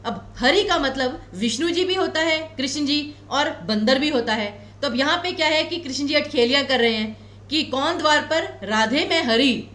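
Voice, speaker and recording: High, lively Hindi teacher woman. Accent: Himachali Hindi. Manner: explains patiently, repeats key points slowly; reassuring, tells students not to worry. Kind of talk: exam coaching lecture. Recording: echoey room.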